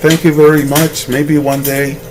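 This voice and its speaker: A man voicing a humble, brave little male mouse in a spoken fable, a bit higher than his own voice, over clattering dishes. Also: flat delivery, a little slow, background noise, natural voice. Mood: earnest. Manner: polite, earnest.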